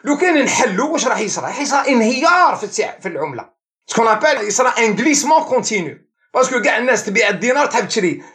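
Algerian professor guy talking super fast, pitch jumps all over, throws in french words. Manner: animated, mixes French and English terms. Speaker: economics professor, guest. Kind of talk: explanatory interview talk.

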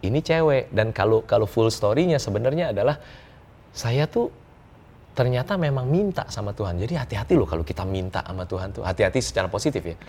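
A middle-aged man, a guest telling a personal story in an interview, animated and quick to laugh. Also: medium pitch, slightly rough. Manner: animated, laughs often, acts out dialogue.

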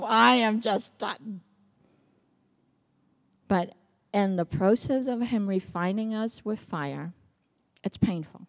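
A middle-aged woman from Samoa preaching a personal testimony sermon. She tells her story with lively, animated delivery, slipping into the voices of the people she quotes. Her pitch sits at an ordinary middle height for a woman. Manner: lively storytelling, acts out quotes, laughs often.

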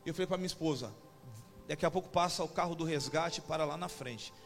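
A man's voice: on the high side, quick pace. A pastor with a São Paulo Brazilian accent preaching a testimony sermon, telling his story with rising intensity. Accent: Brazilian Portuguese, São Paulo. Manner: storytelling, building to shouting. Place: church conference hall. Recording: live hall with long reverb and music.

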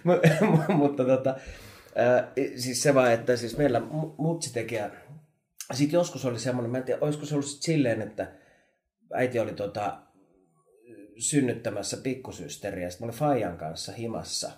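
Lively man, echoey room. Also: mid-range voice. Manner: animated storyteller, laughs often, many fillers. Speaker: podcast co-host. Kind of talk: casual chat.

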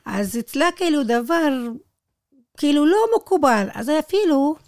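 A high-pitched woman from the Negev in Israel, a Bedouin tour guide being interviewed, tells personal stories in Hebrew. Her storytelling is animated, with acted-out quoted dialogue and non-native grammar slips, and the studio sound is dry and clean.

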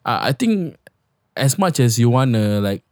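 A man's voice: mid-range voice, very animated, a little slow, a little mellow, no room sound, studio quality. A young Singaporean man chatting casually on a podcast in colloquial Singlish, with particles like lah and ah and often repeated words.

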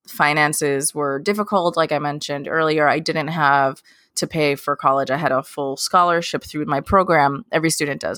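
A woman in her late twenties with a low, slightly bright voice appears as a guest in a casual interview, where she works as a K-pop journalist. She's chatty and rambling, full of fillers and restarts. The recording is studio quality with no room sound.

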